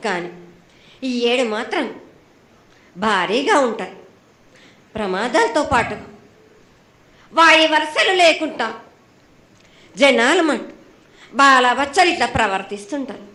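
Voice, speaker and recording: Woman, prophetic trance voice, Telangana accent, high pitch, stern short repeated pronouncements, echoey sound. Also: animated, measured pace, pauses often, pushed and bright. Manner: stern, admonishing, speaks in short repetitive phrases. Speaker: oracle delivering annual festival prophecy.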